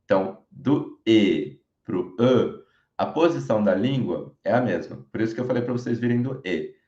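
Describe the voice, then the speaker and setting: A Brazilian man teaching French in an online lesson, speaking clearly and modelling each sound slowly so learners can repeat it. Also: lowish voice, lively intonation, dark tone. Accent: Brazilian Portuguese. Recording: roomy, dull lo-fi recording.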